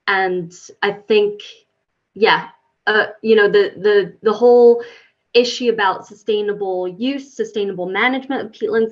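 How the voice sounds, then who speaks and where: Hesitant woman scientist on a muffled call. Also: mid-range voice. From Finland. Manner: hesitant, many restarts and fillers. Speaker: guest scientist. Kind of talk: webinar panel talk. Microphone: video call. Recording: dull lo-fi video call audio.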